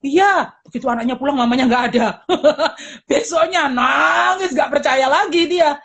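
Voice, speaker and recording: A middle-aged woman, a pastor and teacher, chatting casually and lively, acting out parents and children in quick voices and laughing often. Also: sits high, vocal fry. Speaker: guest speaker, pastor and teacher. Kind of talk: casual chat.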